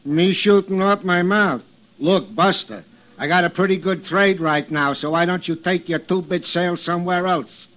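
A man playing a rude, gruff liquor store owner in a 1950s radio drama, talking in street slang. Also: sits high, normal speed, fairly bright tone. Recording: dull old radio broadcast.

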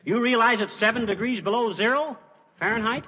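A man's voice: extremely high pitch, a little fast, husky. A man playing a bumbling, boastful husband in 1940s radio comedy, wisecracking and chuckling. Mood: blustering. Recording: dull old radio broadcast with reverb and hiss.

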